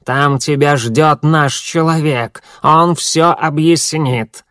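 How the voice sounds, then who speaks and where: A man in an audiobook voicing a sinister old woman with a creaky, hoarse voice, speaking slowly and insistently. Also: a little high, fairly bright tone, dry recording, clean studio sound, voice pushed up. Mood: persuasive. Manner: slow, pleading, insistent questioning. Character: sinister croaking old woman, undead messenger. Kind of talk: audiobook narration.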